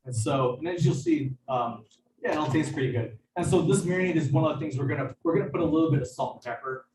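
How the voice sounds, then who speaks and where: Halting chef on an echoey video call. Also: male voice, a little high, darkish tone. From United States. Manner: hesitant, halting, full of fillers and restarts. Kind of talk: casual cooking demonstration. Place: kitchen. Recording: echoey room, far from mic, background noise.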